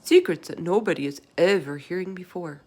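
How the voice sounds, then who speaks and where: A woman voicing a gentle, emotional storybook giant who talks in jumbled grammar and silly invented words. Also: on the low side, animated, brisk. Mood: secretive. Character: gentle, tearful, kindly giant with jumbled childlike speech.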